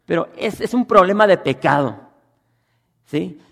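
A male pastor delivers a sermon. His voice is strongly gravelly and sits a little high. He often restarts his phrases and swells into loud, emphatic stretches, with a long reverb from the church hall. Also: lively intonation, unhurried.

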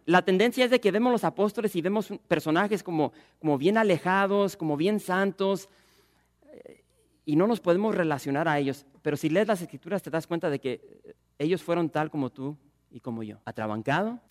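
A male pastor preaching a sermon in Spanish, emphatic, swinging between loud exclamations and hushed, slower asides. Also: on the high side, big-room sound.

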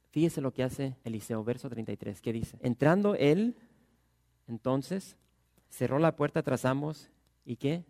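A man's voice: mid-range voice, vocal fry, a little mellow. A man preaching a sermon, asking the congregation questions and reading scripture aloud with emphasis. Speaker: pastor.

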